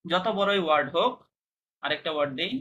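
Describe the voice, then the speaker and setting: A man's voice: a little high, fast, bright, forceful tone, slight background noise. A man teaching a language class, patiently explaining pronunciation step by step and checking whether students understand.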